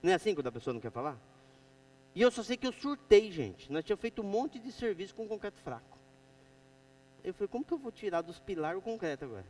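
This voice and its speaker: High-voiced Brazilian preacher, distant mic. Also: male voice, big pitch swings, fast. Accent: Brazilian Portuguese. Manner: swings from loud exhortation to quiet storytelling. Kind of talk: sermon.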